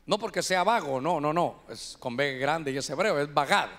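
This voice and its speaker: A man with a Honduran accent preaching a sermon to his church, animated, often calling the listeners "hermano". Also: on the high side, moderate pace. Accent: Honduran Spanish. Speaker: pastor.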